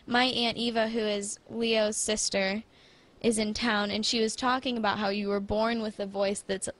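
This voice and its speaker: A woman's voice: mid-range voice, level tone, moderate pace, fairly bright tone. A young woman chatting casually with her father, asking him eager questions. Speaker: daughter of the host. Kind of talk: casual chat.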